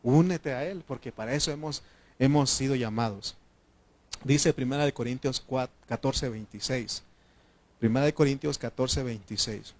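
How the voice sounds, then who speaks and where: A man with a Mexican Spanish accent preaching a sermon as pastor, animated and shouting at times, calling his congregation "brothers" and asking them to answer "amen". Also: mid-range voice, normal speed. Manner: addresses the congregation as brothers, asks yes or no.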